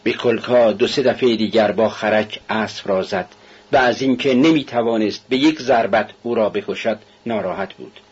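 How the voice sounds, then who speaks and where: A man's voice: fairly low pitch, husky. A man narrating a novel as an audiobook, telling it steadily and evenly. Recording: dull, muffled recording.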